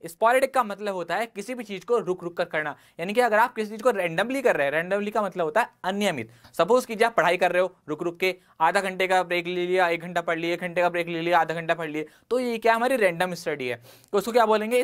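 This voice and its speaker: A man's voice: sits high, fast talker, fairly bright tone, clear, resonant tone. Man, Indian English accent, vocabulary teacher, online exam-prep lesson, rhetorical questions, everyday examples.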